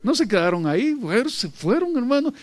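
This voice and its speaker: A man's voice: very high voice, sing-song, fairly quick, no room sound. A man preaching a sermon, emphatic and repetitive, often addressing his listeners as brother.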